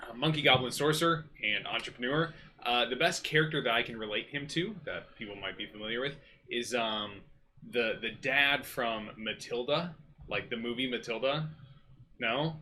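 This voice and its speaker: A man's voice: mid-range voice, normal speed, bright, forceful tone, slight background noise. A man, a player in a tabletop game, chatting loosely about his character with plenty of fillers.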